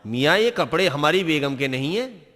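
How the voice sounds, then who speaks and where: A man playing a brisk, hardworking washerman in a comedy sketch. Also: fairly high pitch, expressive, sharp tone, in a large hall.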